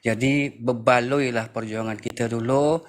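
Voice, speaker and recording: A panel speaker in his fifties with a Malaysian accent gives informal political commentary in a live discussion room, his mid-range voice fairly even in intonation and measured in pace. He presses his points emphatically through repetition and rhetorical questions.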